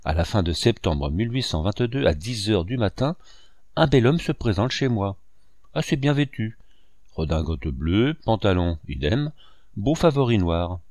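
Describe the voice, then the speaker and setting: A man reading a first-person memoir aloud as an audiobook narrator, in a measured, expressive storytelling manner. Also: on the low side, dry recording.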